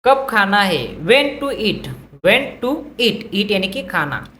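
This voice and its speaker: A woman teaching English vocabulary who says each phrase slowly twice and then explains it in Hindi. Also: mid-range voice, very animated, fairly bright tone, a little hiss or hum. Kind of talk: vocabulary lesson.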